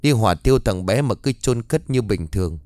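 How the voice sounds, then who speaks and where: A man's voice: on the low side, lively intonation, brisk, darkish tone, no room sound, close to an everyday voice. A man voicing a frightened young mother who pleads and whimpers in fear, in a dry studio audiobook reading. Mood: anxious, whispering. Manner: whimpering, begging.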